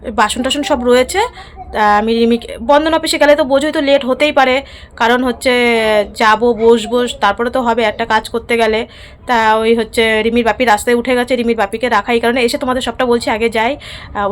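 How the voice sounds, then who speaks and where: A middle-aged woman, a mother vlogging in a hurried, chatty way with many fillers. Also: on the high side, a little hiss or hum. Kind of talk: casual vlog narration.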